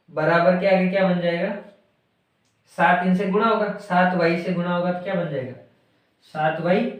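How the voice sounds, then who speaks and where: Guy teaching maths, asks and answers his own questions, pretty high voice, mic far off in a booming room. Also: heavy reverb. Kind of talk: classroom maths lesson.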